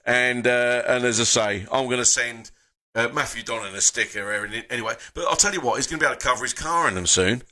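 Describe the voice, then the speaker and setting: Male live-stream host, very bright tone, chatty and full of fillers and sighs. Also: medium pitch, quick pace. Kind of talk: casual live-stream chat reading viewer comments.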